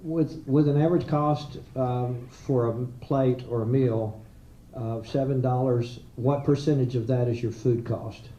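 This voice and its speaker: Dark-voiced male judge, far off. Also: mid-range voice, fairly even intonation, measured pace, a little hiss or hum. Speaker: competition judge. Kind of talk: questioning a contestant. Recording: distant, echoey, dull hall sound.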